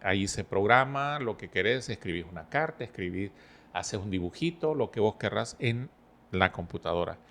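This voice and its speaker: A middle-aged man, a podcast guest who talks calmly and explains with stories and analogies. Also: fairly low pitch, gravelly. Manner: storytelling, explains with analogies, calm and measured. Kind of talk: relaxed podcast conversation.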